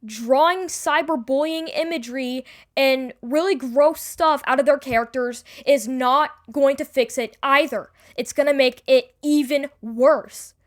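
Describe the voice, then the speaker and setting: A woman giving an unscripted, defensive personal explanation to an online audience, rambling and halting with repeated words and casual swearing. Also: sits high. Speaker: online creator addressing the audience. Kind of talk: unscripted personal apology and self-defence video.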